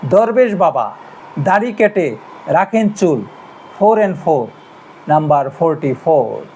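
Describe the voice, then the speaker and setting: A man's voice: on the high side, big pitch swings, slow, warm tone, a little hiss or hum. A man working as a bingo caller, delivering rhythmic rhymed lines that build up to each number.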